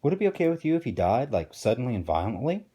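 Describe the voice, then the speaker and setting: A man reading a storybook aloud, voicing a sardonic young princess with a flat, deadpan delivery. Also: mid-range voice, fast, slightly rough, pitched above the performer's own voice.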